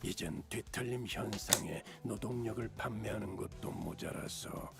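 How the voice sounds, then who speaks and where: A man's voice: on the low side, very fast, vocal fry. A man acting a stern, weary company guide in dramatic video game dialogue. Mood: stern, disapproving. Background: loud game music.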